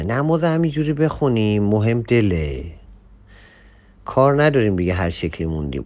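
A man's voice: medium pitch, no echo. A man giving an informal religious talk, admonishing and addressing the listener directly. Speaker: religious speaker.

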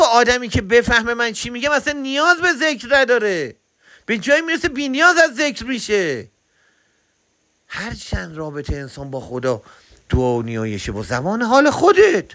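Animated high-voiced man preaching. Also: no echo. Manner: animated, exhorting, addresses listener directly. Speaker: religious speaker. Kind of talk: spiritual talk to listeners.

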